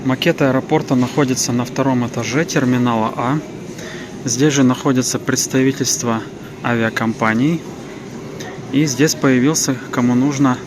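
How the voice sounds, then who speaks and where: A man giving a casual trip-report narration as a travel vlogger walking through an airport terminal. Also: mid-range voice. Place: large indoor airport terminal. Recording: noisy airport terminal ambience.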